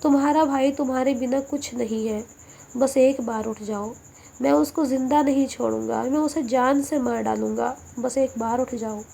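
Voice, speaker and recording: A woman's voice: high-pitched, fairly even intonation, vocal fry, mellow, breathy edge, heavily acted. A woman voicing a grief-stricken young man who pleads desperately and swears revenge. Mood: sobbing plea.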